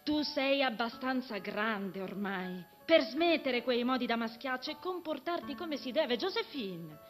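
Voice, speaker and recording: A woman's voice: sits high, expressive, measured pace, faint music behind. A woman voicing a proper eldest sister, a young woman who talks in a prim, lecturing way. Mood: scolding.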